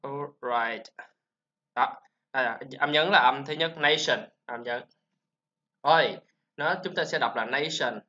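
Man, Vietnamese accent, pronunciation teacher, slow, bright tone, slightly dull lo-fi recording. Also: medium pitch. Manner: slow, repeats sounds and drills syllables, chatty asides. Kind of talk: informal pronunciation lesson.

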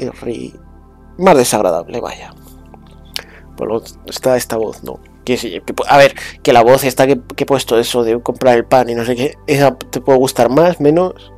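A man from muses aloud, full of restarts and little fillers. He drifts between a hushed murmur and a brighter, livelier tone. Faint music plays underneath. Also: mid-range voice. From Spain. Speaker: vlogger. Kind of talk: rambling casual monologue.

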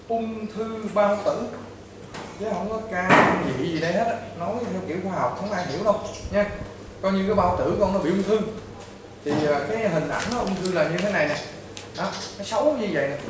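A man with a Southern Vietnamese accent, a priest and healer, counseling a patient bluntly and repetitively, as if to his own child. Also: high voice. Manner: blunt, repetitive, lecturing, addressing the listener as a child. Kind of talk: informal counseling talk to a patient. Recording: echoey and distant with loud background noise.

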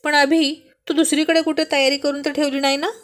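A woman's voice: high-pitched, flat delivery, a little fast, pitched above the performer's own voice, lightly acted. A woman voicing a bossy, scheming young man who leads his friends, teasing and scolding them in a story.

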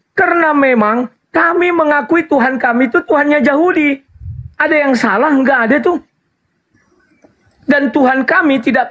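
A man's voice: very high voice, a bit bright. A man in a heated religious debate over an online call, insisting on taking turns and explaining his position. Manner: insistent, keeps demanding turns to speak. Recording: slightly muffled call audio.

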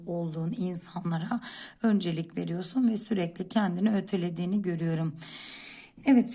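A woman's voice: on the low side, warm tone. A woman speaking as a coffee-cup fortune teller, giving unscripted predictions and advice directly to one listener in a searching way.

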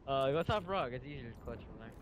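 A young man in casual gaming chat, excitable and given to repeating himself, talking on a headset. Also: medium pitch, fast talker, a crowd in the background. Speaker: gamer in party chat. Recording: loud game noise.

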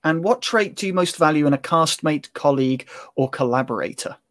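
A man hosting an interview show, asking set questions in a measured way. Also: fairly high pitch, expressive, fairly bright tone, no echo, clean studio sound.

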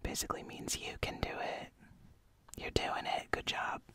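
An ASMR host softly explains slang in a breathy, unvoiced whisper, with hesitant pauses and repeated words.

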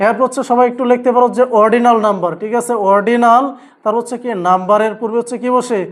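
A man's voice: extremely high pitch, steady tone, racing. A man teaching an English grammar lesson, asking students repeated rhetorical questions as he drills each rule. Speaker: English tutor.

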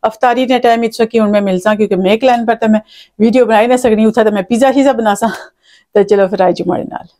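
A woman's voice: a little high, rapid-fire, dark tone, dry recording, clean studio sound. A Pakistani woman chatting casually and expressively as she vlogs about her day in a homely way. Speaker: vlogger. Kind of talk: casual vlog chat. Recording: noisy phone vlog with vehicle sounds.

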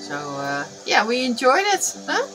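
A woman's voice: a little high, huge pitch swings, unhurried, rough recording. A woman in her forties chatting casually for a sailing vlog on a boat, hesitant and full of fillers. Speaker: sailing vlogger. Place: on a sailboat, indoors. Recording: loud music over the voice.

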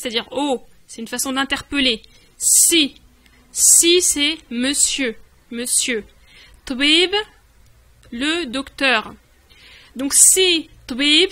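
Bright high-voiced woman teaching patiently. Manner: patient, repeats and glosses each word. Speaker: online language teacher. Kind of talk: explaining a dialogue step by step.

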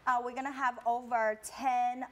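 A young woman speaks as a guest on a studio kitchen set, her voice pitched a bit high. She talks eagerly and promotionally about the event she organizes, picked up by a lapel mic. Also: little pitch movement, moderate pace. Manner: enthusiastic, promotional. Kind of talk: TV interview.

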